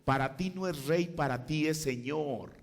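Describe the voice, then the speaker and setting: A man from Mexico preaching a sermon, who swings between quiet, low passages and loud, high bursts of emphasis, and acts out biblical dialogue in changing voices. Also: a little slow.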